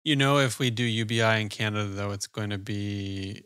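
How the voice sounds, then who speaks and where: A man's voice: fairly low pitch, a little fast, a bit bright, clear, resonant tone, no room sound. Man, podcast guest, blunt and downbeat, dry close sound. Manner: blunt, opinionated, pessimistic. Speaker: guest commentator. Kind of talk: casual podcast chat.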